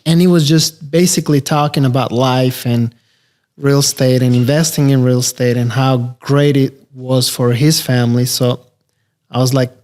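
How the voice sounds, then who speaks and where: Man, relaxed and rambling. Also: mid-range voice, normal speed. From Albania. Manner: relaxed, rambling, with frequent fillers. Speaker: real estate investor guest. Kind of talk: casual interview conversation.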